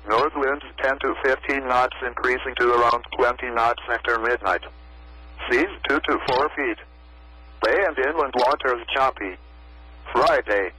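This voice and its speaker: A synthetic American male computer voice reads a scripted marine forecast on weather radio in stilted text-to-speech fashion. It is mid-range, bright, and forceful, slightly rough, and the recording quality is rough.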